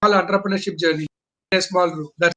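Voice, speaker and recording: Man, high pitch, sharp forceful tone, emphatic choppy phrasing, guest expert. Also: fairly even intonation, fast. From Bangalore, India. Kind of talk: explanatory business talk in an online interview.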